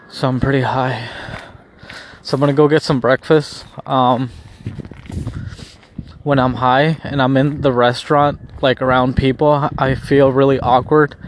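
A man who is high on weed, rambling casually in a spaced-out stoner manner, as in a video diary. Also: slight background noise. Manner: slow, spaced-out stoner drawl. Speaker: vlogger.

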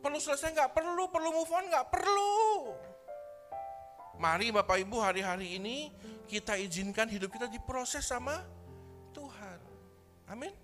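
A man preaching as pastor at a church service, animated and full of rhetorical questions and sound effects. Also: extremely high pitch, normal speed, long pauses, over music. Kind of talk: sermon.

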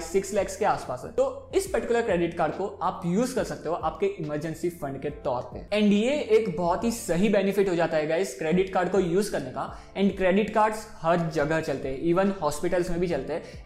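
Talking to camera in an echoey room, a high-pitched man in his twenties gives a casual, chatty explainer on personal finance, moving freely between Hindi and English.

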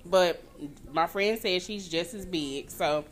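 A woman's voice: on the low side, slow. A woman co-hosting a casual chat, blunt and profane, laughing through her stories. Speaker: podcast co-host.

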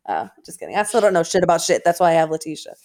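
A woman with a fairly low voice chats casually as a podcast co-host. She is informal and self-deprecating, and she has trouble pronouncing her R's. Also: sing-song, very fast, a little mellow. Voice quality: trouble saying R sounds.

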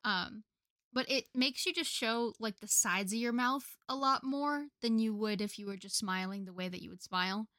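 A woman's voice: on the high side, moderate pace, bright, forceful tone, dry recording, studio quality. A young American woman co-hosting a casual podcast, chatting with many fillers and laughing often. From United States. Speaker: podcast co-host. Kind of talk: casual chat.

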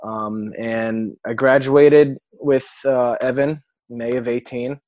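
A man's voice: mid-range voice, fairly even intonation, slow pace, no echo, muffled recording. Brief: man in his twenties, New York accent, boisterous podcast guest, dry close sound. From South Florida. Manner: loud, boisterous and joking. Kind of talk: casual podcast conversation.

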